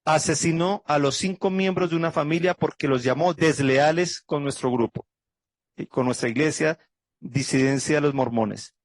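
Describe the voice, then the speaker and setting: Man, pastor, Bible study lecture, methodical, raised pitch, dry sound. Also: normal speed, no room sound. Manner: methodical, reads out dates and facts one by one; earnest closing prayer. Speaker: pastor teaching a theology class.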